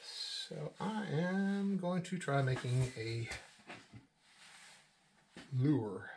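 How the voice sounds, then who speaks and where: A man's voice: a little high, animated, extremely slow, a little mellow, a little hiss or hum. A man with an Upper Midwest accent rambling in a folksy, self-deprecating way while vlogging outdoors in snowy woods. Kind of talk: casual outdoor vlog.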